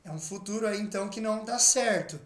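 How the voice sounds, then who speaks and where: Brazilian teacher in an echoey room. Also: male voice, sits high. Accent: Brazilian Portuguese. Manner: explains patiently and reads English examples slowly. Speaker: English teacher. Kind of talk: online language lesson.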